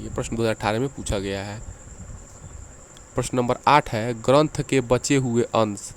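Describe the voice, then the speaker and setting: A man's voice: medium pitch, slight background noise. A man giving an exam-prep lecture, explaining answers step by step, repeating key terms and asking rhetorical questions. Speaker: teacher.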